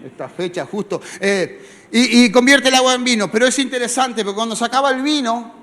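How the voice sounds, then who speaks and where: A man's voice: very high-pitched, brisk, fairly bright tone. A man with a Rioplatense Spanish accent preaching a sermon as a pastor, talking to the congregation in a conversational way with questions and fillers. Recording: long reverb of a large hall.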